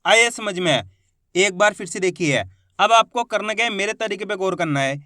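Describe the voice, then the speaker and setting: A man teaching children to read, spelling out syllables slowly and stressing each whole word loudly, with quicker, quieter explanations in between. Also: sits high, animated, dry recording, clean studio sound. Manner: drawn-out syllables, rising loud on each finished word. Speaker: Hindi reading teacher. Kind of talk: slow spelled-out phonics lesson.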